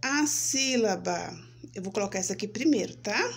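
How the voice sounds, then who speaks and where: A Brazilian woman teaching young children, speaking slowly and sounding out syllables, checking in with "né?" and "certo?". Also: medium pitch, lively intonation, gravelly, husky. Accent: Brazilian Portuguese. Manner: slow, spelling out syllables, frequent "né?" and "certo?". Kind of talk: children's lesson, slow and sing-song.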